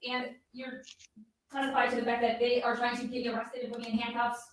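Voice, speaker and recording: A woman's voice: fairly high pitch, completely flat delivery, poor audio. A woman representing herself in court, firing off repeated questions at a witness. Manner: rapid-fire, repetitive questions.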